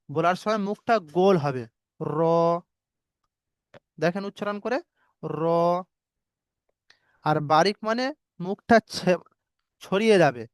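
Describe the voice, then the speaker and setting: A man with a high, smooth voice teaches recitation slowly and patiently. He breaks each word into syllables and repeats them. The sound is dry and close. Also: no room sound. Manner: slow, patient, spells out letters syllable by syllable. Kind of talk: online tajweed lesson.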